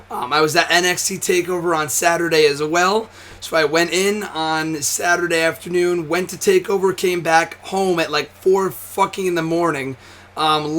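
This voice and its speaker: A young man hosts a wrestling commentary show in a casual to-camera vlog, his voice hoarse, tired and nearly gone. It sits on the high side with a fairly bright tone, and he rambles, swears and restarts often.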